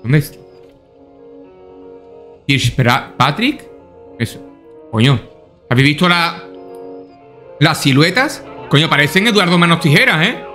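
A man's voice: on the high side, lively intonation, measured pace, long pauses, sharp tone, soft background music. A man doing casual let's-play commentary, swearing often and thinking aloud to himself. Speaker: gaming YouTuber.

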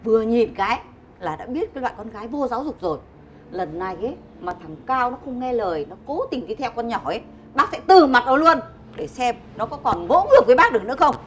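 A shrill, domineering mother. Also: big pitch swings, fast, a little hiss or hum. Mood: complaining. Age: middle-aged. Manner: scolding, insulting, shrill shouting. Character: domineering middle-aged mother, scornful and hot-tempered. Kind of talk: web drama acting.

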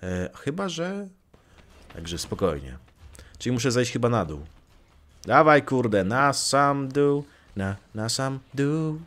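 A young man narrating his own gameplay in a loose, playful way, tossing light curses and teasing jabs at the characters on screen. His pitch jumps around a lot between excited outbursts and mumbled asides, at an ordinary middle pitch. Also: slow. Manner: playful, swears lightly, jokes and talks back to game characters. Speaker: let's play gamer. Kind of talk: casual gameplay commentary.

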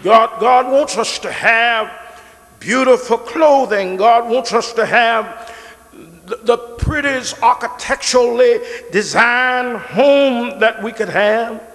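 Middle-aged preacher guy at the pulpit, really high voice, slow drawn-out delivery, church echo. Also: a bit bright. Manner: call-and-response preaching with repeated words. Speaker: pastor. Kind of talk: sermon. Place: large church sanctuary, behind a pulpit.

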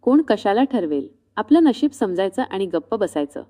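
A woman's voice: sing-song, normal speed, warm tone. A woman voicing a weary middle-aged male vegetable seller who hawks his goods and gives folksy advice. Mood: wry. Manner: low hawker calls, folksy advice.

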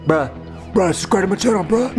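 A man's voice: high voice, lively intonation, a little fast, over music. A man voicing a young bro YouTuber who pushily repeats pleas to subscribe. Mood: pushy. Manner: pushy, repetitive bro talk. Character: young male dudebro YouTuber begging for subscribers.

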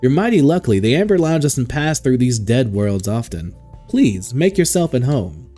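A man's voice: mid-range voice, big pitch swings, moderate pace, warm tone, faint music behind. Man putting on a drawling southern hostess. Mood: sweet-talking. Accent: Southern US (put on). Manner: drawling, calls people sugar and sweetheart. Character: flirty southern hostess woman, sweet-talking.

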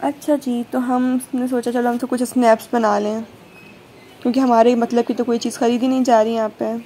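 A woman's voice: fairly high pitch, flat delivery, moderate pace, dark tone, a little hiss or hum. A young woman from Pakistan chatting casually through her shopping vlog, with joking asides. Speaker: vlogger. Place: large supermarket, indoors.

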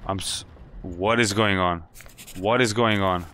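A man's voice: low voice, fairly even intonation, a little slow, pushed and bright, a little hiss or hum. A man hosting a horror game playthrough, jumpy and swearing, talking to himself and to the game as he plays. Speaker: gaming channel host. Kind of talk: let's play commentary.

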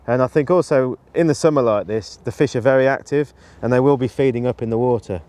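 A man's voice: mid-range voice, fast, darkish tone, dry recording. Man explaining fishing tactics on a riverbank. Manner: practical, explanatory, with frequent fillers and restarts. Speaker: match angler demonstrating tactics. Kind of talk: instructional talk to camera. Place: outdoors on a riverbank. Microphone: lapel mic.

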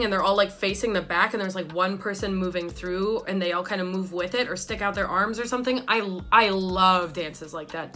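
Chatty, excitable young woman with a bright voice. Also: mid-range voice. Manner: excitable, swears freely, rambling asides. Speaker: YouTube reaction host. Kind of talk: casual music video reaction.

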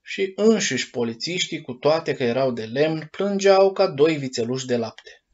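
A man narrating a children's storybook in an expressive, measured reading. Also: on the high side, highs cut off. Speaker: audiobook narrator.

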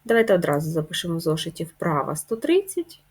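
A woman teacher giving a slow, deliberate lesson to young children, jumping up high on the key words. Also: sing-song, a little mellow, husky. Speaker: primary school teacher.

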